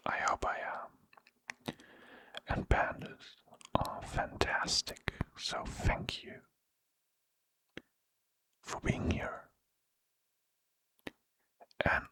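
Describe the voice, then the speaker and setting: An ASMR creator softly whispering thanks to supporters late at night, sleepy, with casual slang and rambling asides.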